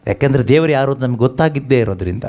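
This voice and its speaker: Racing along with lively intonation, this preacher has a medium-pitched, mellow voice. During his sermon he asks the congregation rhetorical questions, gets them reading verses aloud, and echoes every line back.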